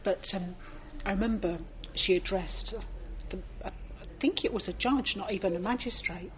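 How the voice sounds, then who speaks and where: An older British woman reminisces in an oral history interview, reflectively telling anecdotes and acting out what people said. Her voice is medium in pitch and her pace is normal, captured on a dull, muffled lo-fi recording.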